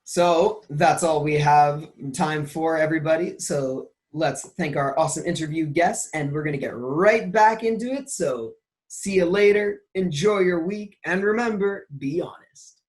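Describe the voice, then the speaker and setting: A man's voice: on the high side, unhurried. Give me a playful man running a casual quiz show and interview, teasing his guest. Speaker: podcast host running a quiz.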